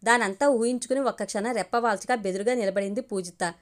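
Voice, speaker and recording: A woman storyteller narrating a romance story aloud with a steady, expressive reading. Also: a little high, fast.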